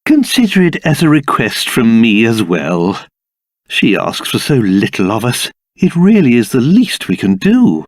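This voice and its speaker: A pompous old video game king with a hugely animated delivery. He stretches his words slowly and theatrically, blustering like royalty one moment and doting like a fond father the next. The recording is close and dry. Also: mid-range voice, no room sound. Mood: tender, doting.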